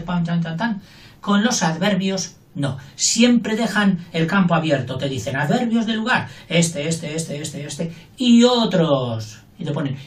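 A man's voice: a little high, far from the mic. An older man from teaching a casual grammar lesson, chatty and playful, acting out everyday scenes as he explains. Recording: roomy, voice from off the mic.

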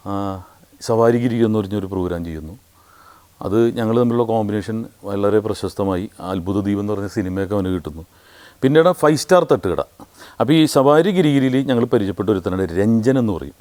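A middle-aged man from Kerala with a Malayali accent, a comedian telling anecdotes about his career in casual, animated storytelling with a thin, squeezed voice. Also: lowish voice. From Kerala, India. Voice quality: thin squeezed voice, which he says sounds like a duck grabbed by the neck. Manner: animated anecdotes with quick mimicry of other voices.

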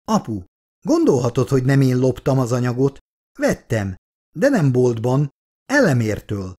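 A man's voice: medium pitch, big pitch swings, darkish tone. A man voicing a cool, aloof young daughter who speaks in an offhand, superior way.

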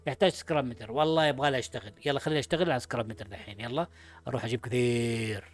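A man's voice: medium pitch, racing. A man giving casual let's-play commentary, chatting to himself as he plays. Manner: chatty, talks to himself while playing. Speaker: gaming YouTuber.

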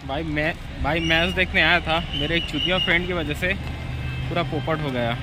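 A man's voice: a little high, normal speed. A young man making a casual outdoor vlog on his phone, chatting directly to his viewers by a busy road and a stadium crowd. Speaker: vlogger. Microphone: phone held at arm's length. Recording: loud outdoor traffic noise. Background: traffic and crowd outside.

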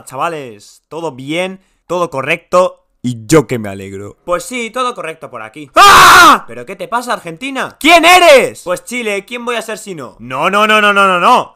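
A man acting out a comic sketch, switching between many characters and often shouting. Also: on the high side. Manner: switches voices, shouts a lot. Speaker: comedy video creator.

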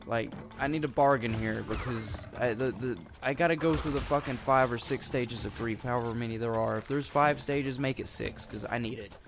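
A man's voice: medium pitch, moderate pace, hardly any pauses, music in the background. A man giving profane, rambling commentary on a game he is playing, muttering to himself and erupting in frustrated outbursts. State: hungry and a bit grumpy. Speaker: gaming YouTuber. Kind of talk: profane casual let's-play commentary.

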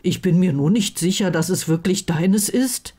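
A woman reading aloud plays a sarcastic teenage wizard boy, worried and a bit glum. Her voice stays close to her own and sounds mellow and warm in a storybook reading. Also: lowish voice, fairly even intonation, a little slow. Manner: sarcastic, dejected. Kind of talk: audiobook reading of fan fiction.

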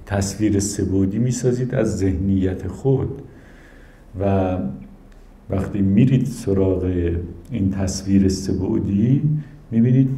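A man's voice: low voice, mellow, reverberant. A man giving a spiritual talk as teacher and counselor, telling stories animatedly and acting out the people he quotes.

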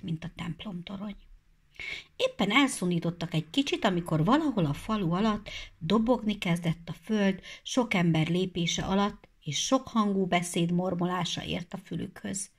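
A woman narrating a children's storybook in a measured, expressive way. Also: on the low side. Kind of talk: storybook reading.

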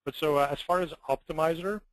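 A man's voice: fairly high pitch, fast talker, no room sound. Man on a faulty mic, uneven volume. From Belgium. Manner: steady explanatory talk with many "uh" and "um" fillers. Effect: faulty mic, audio cutting in and out with uneven volume. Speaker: webinar guest speaker. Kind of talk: webinar presentation, casual and halting. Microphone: computer microphone with a loose connection.

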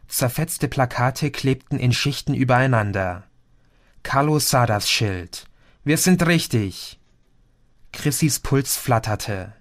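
A man narrates an audiobook in a steady, measured voice of middle pitch. The recording is close and dry, with no room around him. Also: dry recording. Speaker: audiobook reader.

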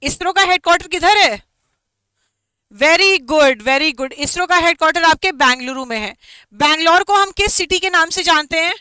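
A woman's voice: extremely high pitch, bright, forceful tone, no room sound. A woman teaching an exam-prep quiz lesson online, repeating each question and mixing English phrases into her talk. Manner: reads English questions slowly and carefully.

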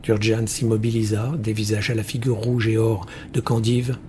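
A man narrating a fantasy story for an audiobook in a measured, deliberate way. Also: lowish voice, flat delivery, darkish tone, slight background noise.

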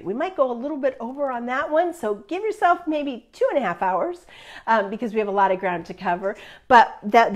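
A middle-aged woman teaching a live online quilting class in a chatty, upbeat way, laughing often. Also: on the high side.

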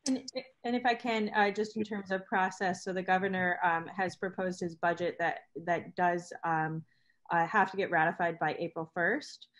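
Woman panelist who walks through the process haltingly, lots of ums. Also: lowish voice, steady tone, fairly bright tone. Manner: explanatory, hesitant with many fillers.

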